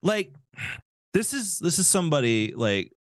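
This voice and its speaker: Sarcastic podcast guy ranting and cussing, really lively up-and-down voice, dry close mic. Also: medium pitch, normal speed, no echo. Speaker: podcast host. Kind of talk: casual comedic commentary.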